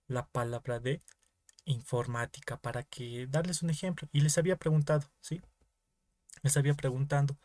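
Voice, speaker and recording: A man's voice: medium pitch, a little mellow, no echo. A young man with a Bolivian Spanish accent teaching an online class, explaining in small repeated steps and often checking with the students. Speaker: teaching assistant.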